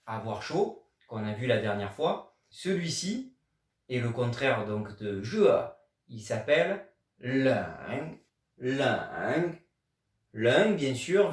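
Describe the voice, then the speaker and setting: A man's voice: mid-range voice, far from the mic. A man from France teaching a video language lesson, explaining patiently and stressing key words. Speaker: Chinese teacher. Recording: echoey room, voice away from mic.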